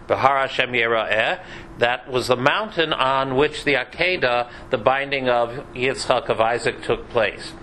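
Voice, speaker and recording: A man's voice: mid-range voice, unhurried, sharp tone, a little hiss or hum, poor audio. A man giving a conversational Bible class lecture, chatty and sprinkled with dry joking asides. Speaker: Bible teacher.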